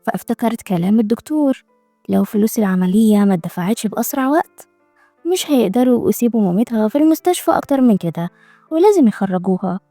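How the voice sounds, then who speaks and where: Brief: Egyptian woman recapping a drama, rapid and chatty, slightly high voice, dry close sound. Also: expressive, mellow, no echo, soft background music. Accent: Egyptian Arabic. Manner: chatty, joking asides. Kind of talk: scripted narration.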